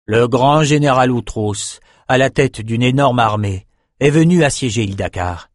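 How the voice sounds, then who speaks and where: Un homme jouant un général grave et résolu. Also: male voice, mid-range voice, measured pace, no echo, close to an everyday voice. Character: stern veteran general, grave and resolute. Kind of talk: audiobook dialogue. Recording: dry studio recording.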